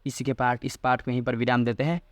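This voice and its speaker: A man teaching a lecture, asking rhetorical questions and answering them himself, and reciting classical phrases slowly. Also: medium pitch, little pitch movement, dry recording. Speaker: Sanskrit teacher. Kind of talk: explanatory Hindi lecture on a Sanskrit logic text.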